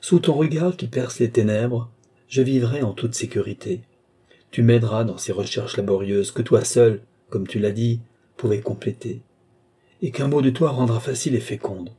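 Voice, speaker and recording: A man reading the part of a fervent male alchemist who speaks in hushed awe and exalted declamation. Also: medium pitch, normal speed, husky.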